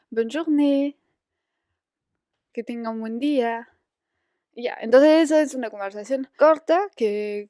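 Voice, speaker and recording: A woman from France with a French accent, a native French speaker, teaching a language lesson in Spanish and slowly repeating phrases for her students. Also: high-pitched, darkish tone, dry recording, clean studio sound. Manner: slow, patient, repeats phrases.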